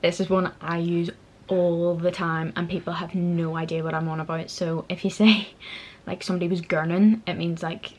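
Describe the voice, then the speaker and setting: A young woman talks in a Northern Irish accent from Belfast, with a fairly low voice. She chats casually as a vlogger, informal and self-deprecating, explaining words in an easy conversational way. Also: flat delivery, moderate pace, a little mellow. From Northern Ireland. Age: young adult. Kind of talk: casual chat explaining local slang.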